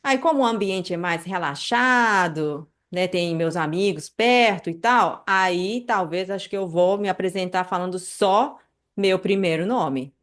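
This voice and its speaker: A woman teaching a casual live online class, chatty and animated, checking in with listeners often. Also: on the low side, measured pace. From Brazil. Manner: chatty, many fillers like "né" and "tá", animated asides. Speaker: Japanese language teacher.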